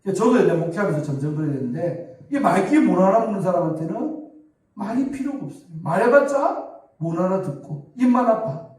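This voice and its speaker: A middle-aged pastor with a Gyeongsang accent, preaching a sermon in a conversational storytelling way and acting out quoted dialogue. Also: male voice, high voice, big pitch swings, fairly quick, a little mellow, recorded from a distance. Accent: Gyeongsang Korean. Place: church sanctuary. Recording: echoey church hall from afar.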